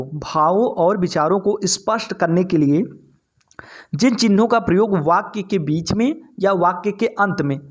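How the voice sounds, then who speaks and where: A man with a high voice leads an exam-prep grammar lesson. He repeats his points and checks in with his listeners again and again. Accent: Hindi-speaking north Indian. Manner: repetitive, checks in with listeners often. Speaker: teacher.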